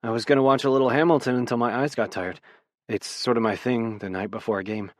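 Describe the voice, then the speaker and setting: A cheerful young male athlete who chatters eagerly and playfully, as a male narrator puts him on. The voice is mid-pitched for a man. The recording is dry and close. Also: fairly even intonation, quick pace, dry recording, natural voice.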